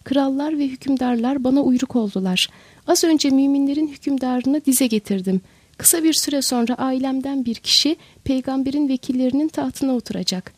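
A woman's voice: high-pitched, brisk, no echo. A woman reading as an imperious old sultan. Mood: boastful. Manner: imperious, angry commands. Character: proud frightened older male sultan.

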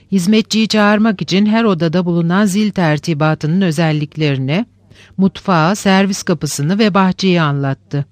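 High-voiced man reading literary fiction. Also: no room sound. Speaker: narrator. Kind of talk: scripted literary narration.

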